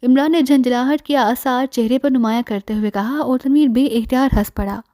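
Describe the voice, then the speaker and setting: A woman narrating a spy story audiobook, reading all the characters in one steady voice. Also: sits high, normal speed, no room sound, studio quality.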